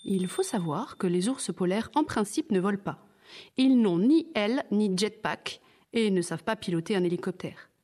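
A woman's voice: medium pitch, expressive, moderate pace, darkish tone. A woman reading a children's story aloud with playful, wry asides.

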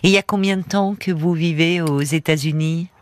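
A woman hosting a late-night call-in radio show, gently encouraging the caller with soft affirmations. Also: deep voice, steady tone, a little fast, slight background noise. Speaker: radio host.

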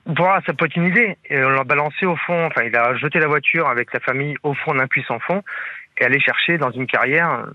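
A radio show caller, a man in his forties, heard over a muffled, lo-fi call-in line. He talks quickly and eagerly, agreeing readily in a casual back-and-forth with the host. The sound is close and dry. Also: a little high, dry recording. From France. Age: 40s.

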